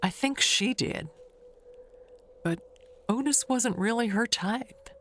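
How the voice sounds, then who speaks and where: With a fairly high, animated voice, a woman portrays a never-married older neighbor who is wistful and gossipy, sharing secrets through hushed asides and pointed pauses in an audio mystery monologue. Slight background noise is present, and she sounds wistful and defensive.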